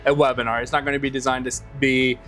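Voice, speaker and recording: A man's voice: medium pitch, flat delivery, quick pace, fairly bright tone. A middle-aged man hosting a podcast and chatting casually. He sounds upbeat and welcoming and uses a lot of fillers. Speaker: podcast host.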